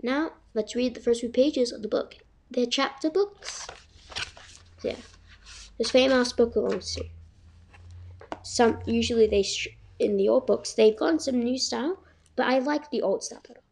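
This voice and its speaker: A woman's voice: on the high side, normal speed, creaky, a little mellow. A young woman casually reading a children's chapter book aloud, chatty and stumbling over words. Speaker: reader.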